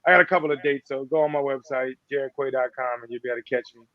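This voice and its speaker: A man's voice: mid-range voice, fairly even intonation, very fast, dry recording. A man who is a comedian, a guest on a podcast, chatting animatedly and laughing. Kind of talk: casual chat. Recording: dull lo-fi audio.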